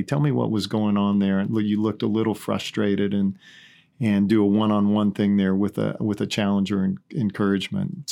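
A low-voiced man with a gravelly edge, guesting on a podcast. He talks about coaching with enthusiasm, stumbling and restarting often. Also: a little mellow. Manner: enthusiastic storyteller with many restarts. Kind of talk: podcast conversation.

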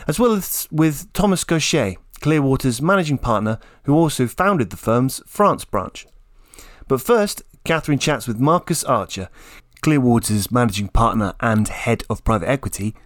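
A man's voice: medium pitch, dry recording, clean studio sound. A man reading a scripted podcast introduction as its producer and presenter.

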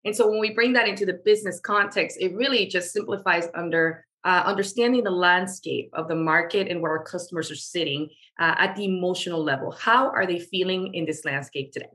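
Eager, bright-voiced woman guest. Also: on the low side, a little fast, few pauses. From Venezuela. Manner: eager, talkative, with frequent fillers. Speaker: guest, marketing storyteller. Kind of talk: podcast interview.

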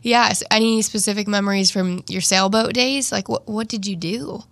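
Creaky-voiced female interviewer. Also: mid-range voice, moderate pace, fairly bright tone, dry recording. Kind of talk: casual interview.

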